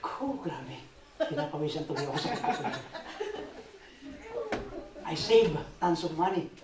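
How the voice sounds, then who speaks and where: A speaker gives a church testimony in an animated, expressive storytelling manner. The recording comes from a roomy church hall, picked up by a microphone set well back from the speaker, so the voice carries a hollow echo. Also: mid-range voice, measured pace, over a noisy crowd. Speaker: church member giving a testimony. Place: church hall in Las Vegas. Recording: echoey hall, distant mic.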